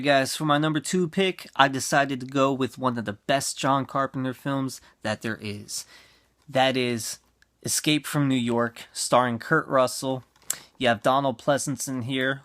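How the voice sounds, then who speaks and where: A man's voice: medium pitch, a bit bright, dry recording, studio quality. A man hosting his own channel, talking through a list of favorite movies in a casual, chatty way with fillers and restarts.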